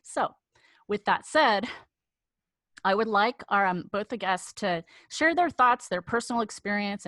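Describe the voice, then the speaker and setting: A woman hosts a podcast in a slightly low voice, speaking earnestly but haltingly, with lots of ums and restarts. Her sound is dry and close, with no room around it. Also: fairly bright tone, no echo. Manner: earnest, halting, with many fillers. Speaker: podcast host. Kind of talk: podcast interview.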